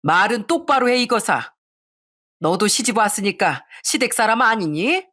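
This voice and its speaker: A woman's voice: medium pitch, animated, normal speed, bright, forceful tone. Woman narrator doing an older mother, furious, scolding, raised voice, storybook reading.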